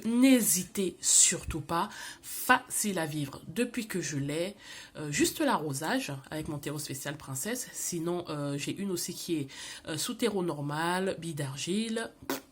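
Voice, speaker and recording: A woman's voice: lowish voice, slightly rough. Woman, plant vlogger, gushing casual chat. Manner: chatty and animated, with gushing asides and mixed-in English phrases.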